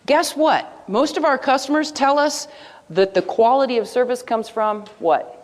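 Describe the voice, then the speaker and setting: A woman giving a live presentation, lively and asking her audience questions as she goes. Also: a little high, normal speed. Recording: long hall reverb.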